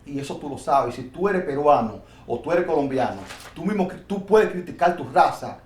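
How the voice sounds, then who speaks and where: In New York, a Dominican man with a Dominican Spanish accent animatedly preaches his views during an informal Bible discussion, often restarting his sentences. His voice is a little high with lively intonation at a normal speed. The room is echoey, with faint noise.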